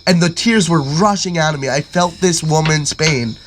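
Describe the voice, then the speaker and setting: A man's voice: on the high side, normal speed, background noise. A young man co-hosting a podcast, telling a story in a rambling way with lots of fillers. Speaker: podcast co-host. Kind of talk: casual chat.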